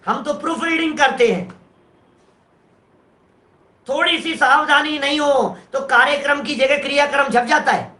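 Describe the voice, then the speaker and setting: A male Jain preacher delivers a sermon, breaking a verse down phrase by phrase and asking his listeners rhetorical questions. His pitch is extremely high and his tone sharp, heard in a reverberant space.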